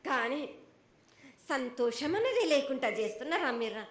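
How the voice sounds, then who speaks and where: High-pitched Telangana woman oracle in prophetic trance. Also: big pitch swings. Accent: Telangana Telugu. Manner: prophetic trance voice, speaking as an angry mother goddess; halting short phrases, repetitive. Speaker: oracle at a temple festival. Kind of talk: oracular pronouncement. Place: festival ritual before an audience. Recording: echoey live festival sound.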